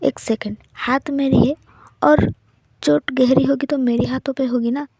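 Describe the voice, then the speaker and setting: A woman's voice: high voice, steady tone, measured pace, dark tone, slightly rough, dry recording, heavily acted. A woman voicing a guarded young woman biker with an injured hand, giving curt, lightly teasing replies.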